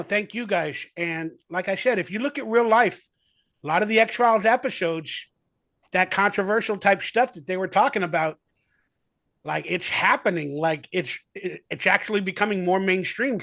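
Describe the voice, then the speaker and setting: A man in his forties, appearing as a guest actor on a video call, rambles enthusiastically and packs his speech with fillers during a casual remote interview. His voice sits high with a fairly bright tone, and there's no echo.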